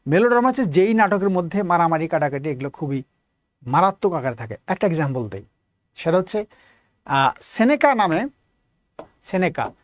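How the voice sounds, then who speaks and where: High-voiced male exam teacher. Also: sing-song, normal speed, pauses often, no echo. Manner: explains by asking and answering own questions; repeats key answers for emphasis. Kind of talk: lecture mixing Bengali and English.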